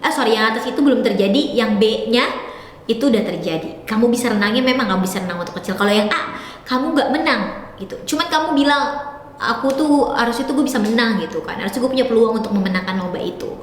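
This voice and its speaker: A woman teaching English grammar on a live stream. She talks fast, switches between Indonesian and English, and calls her viewers by pet names. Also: fairly high pitch, expressive, heavy reverb, big-room sound, a little hiss or hum. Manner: calls viewers "sayang" affectionately.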